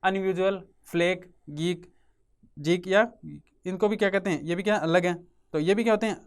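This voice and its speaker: A man with a Rajasthani Hindi accent teaches English vocabulary for exam prep, on a close mic in a classroom or studio. His voice sits high and rings clear and smooth. He repeats each word and asks and answers his own questions. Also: steady tone, normal speed.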